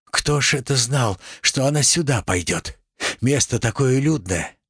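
A frightened young husband begging in a strained, raised voice, as a male reader acts him out. The voice is husky, and the pitch rises and falls widely. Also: lively intonation, unhurried, a bit bright, dry recording, clean studio sound, full character voice. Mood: pleading. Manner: pleading, anxious. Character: timid, desperate young husband.

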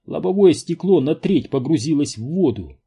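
A man reading an audiobook aloud in a lively, expressive narration. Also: a little high, normal speed, vocal fry, husky.

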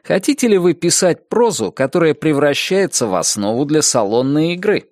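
A man's voice: a little high, expressive, normal speed, a little mellow, no room sound, clean studio sound. A man narrating a nonfiction audiobook, reading expressively and acting out the quoted lines.

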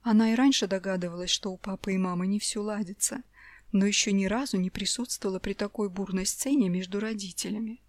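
A woman narrating a story in an even audiobook style. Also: medium pitch, quick pace, no room sound.

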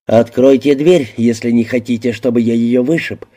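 A man's voice: medium pitch, fairly even intonation, normal speed, close to an everyday voice. A man voicing a hard, threatening police detective who questions bluntly. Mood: menacing. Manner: blunt, menacing, shouting at times. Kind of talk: audiobook character voicing.

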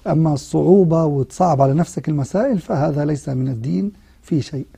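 A man with an Egyptian accent teaching Quran recitation in a recorded online lesson. He explains patiently and slows down to demonstrate each sound. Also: fairly high pitch, creaky, mellow, slightly rough, no room sound. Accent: Egyptian Arabic.

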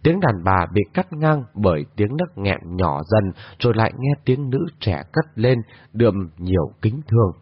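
A man reads a fantasy story aloud with dramatic expression, his husky voice swooping up and down. The recording is dull, lo-fi and bone dry. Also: lowish voice, very animated, normal speed, no echo. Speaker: narrator. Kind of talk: scripted storybook narration.

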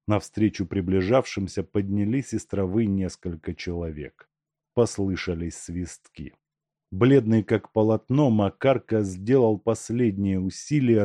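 A man's voice: on the low side, measured pace, warm tone, no echo, clean studio sound. A man narrating an audiobook expressively, reading a crime story. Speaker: audiobook reader. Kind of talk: scripted narration.

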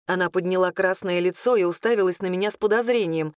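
A woman narrating a first-person audiobook with lively, expressive storytelling into a close mic. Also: lowish voice, quick pace, dry recording.

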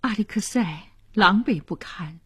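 Slow, breathy woman storyteller. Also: medium pitch. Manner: expressive, dramatic storytelling. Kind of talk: radio story narration.

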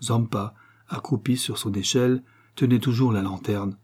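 Dark, husky male audiobook narrator. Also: mid-range voice, steady tone, moderate pace. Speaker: audiobook reader. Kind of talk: scripted narration.

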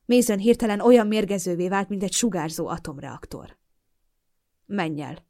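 A woman reads a first-person novel aloud as an audiobook, voicing the narrator's feelings with expressive emotion. Her pitch sits in the middle of the range.

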